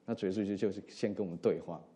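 Earnest man preaching, mellow voice. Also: low-pitched, steady tone, very fast, breathy edge. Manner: earnest, swings between emphatic rises and soft drops, mixes in English words. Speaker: pastor. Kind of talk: sermon.

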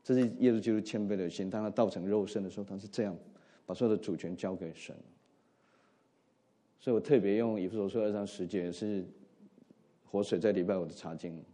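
A middle-aged man preaching a sermon in an earnest way, swinging between emphatic rises and soft drops and slipping in English words. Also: on the low side, fairly quick, pauses often. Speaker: pastor.

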